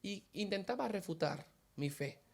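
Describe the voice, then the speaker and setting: Gravelly man telling his testimony. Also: sits high, lively intonation, moderate pace. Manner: vivid storyteller acting out quoted dialogue. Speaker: interview guest giving a faith testimony. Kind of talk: emotional personal testimony.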